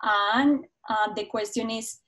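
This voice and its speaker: A woman's voice: fairly high pitch, fairly even intonation, slow pace, fairly bright tone, rough recording. A young woman, not an English speaker, hosting a museum reading club on a video call and often searching for words. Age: young adult.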